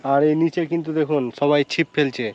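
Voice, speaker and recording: Give me a chatty man narrating a travel vlog outdoors, a bit high-pitched, dull recording. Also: fairly even intonation, quick pace. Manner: chatty, addresses viewers directly. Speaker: travel vlogger. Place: outdoors at a rural quarry lake.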